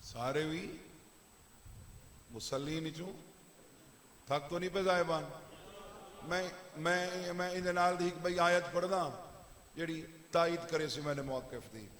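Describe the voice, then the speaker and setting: A man with a Saraiki accent preaching a sermon, chanting recitations in a sing-song way and rising to shouts. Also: fairly high pitch, a little slow. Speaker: religious orator. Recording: echoey hall with long reverb.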